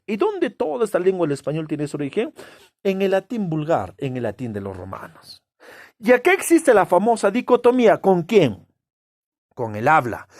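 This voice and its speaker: A man gives a classroom lecture, posing rhetorical questions and answering them himself. He leans hard on key words with drawn-out stresses, his pitch leaping up and down in a very animated way. The recording is close and dry, with no room echo. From Peru. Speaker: teacher.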